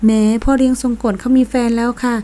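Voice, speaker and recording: A woman voicing a playful, teasing young woman in an audio novel, coy and high-toned. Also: level tone, fast talker, dark tone, lightly acted.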